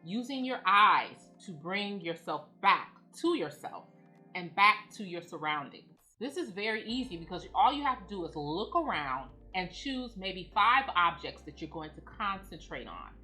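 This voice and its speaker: A woman giving calm, measured instructions as she guides listeners through a grounding exercise. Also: lowish voice. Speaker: presenter of anxiety grounding techniques. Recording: music playing behind the voice. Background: background music.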